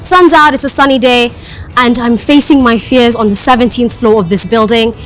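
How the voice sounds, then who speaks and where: A young woman from Kenya talking candidly in a casual vlog, chatty and quick to laugh, recorded outdoors high up on a building. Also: steady tone, soft background music. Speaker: vlogger and radio host.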